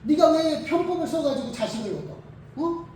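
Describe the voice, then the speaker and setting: A preacher voicing God as a stern, commanding figure who rebukes, in a loud, emphatic telling of a Bible story. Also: mid-range voice, lively intonation, fairly quick, very echoey, far from the mic, a little hiss or hum, lightly acted. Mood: scolding.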